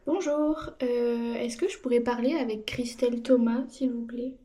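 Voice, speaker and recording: A woman's voice: on the high side, steady tone, normal speed, dark tone. A woman chatting informally to her viewers in a casual, self-deprecating vlog style. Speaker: small business vlogger.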